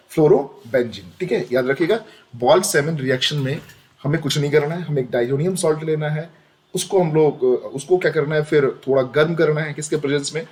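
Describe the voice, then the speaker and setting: Young male chemistry tutor, chatty and repetitive, fairly high voice. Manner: chatty, repeats questions to students, frequent "dekhiye". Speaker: chemistry teacher. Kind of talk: screen-recorded lesson.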